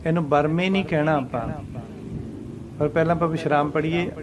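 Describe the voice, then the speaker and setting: A man with a Punjabi accent, teaching how to pronounce and pause in scripture lines, reciting them slowly and then explaining their meaning. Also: fairly high pitch, fairly even intonation, noisy background. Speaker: Gurbani teacher. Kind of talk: scripture pronunciation lesson.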